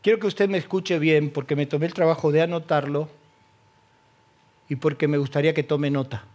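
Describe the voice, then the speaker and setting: A man with an Argentine accent preaching a sermon as pastor, swinging between loud passion and hushed quiet. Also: a little high, fairly even intonation, a little fast. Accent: Argentine Spanish.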